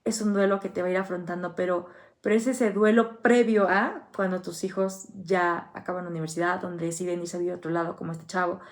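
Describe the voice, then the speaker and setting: A woman's voice: fairly low pitch, fairly even intonation, brisk. A middle-aged woman with a Mexican Spanish accent, a thanatologist speaking in an earnest, anecdotal podcast monologue and acting out quoted dialogue.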